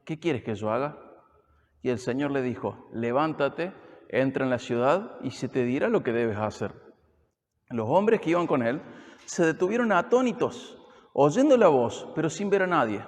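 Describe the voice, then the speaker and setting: Argentine pastor preaching in a reverberant hall. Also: male voice, mid-range voice. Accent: Argentine Spanish. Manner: conversational, asks the congregation questions. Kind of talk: expository sermon. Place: church hall.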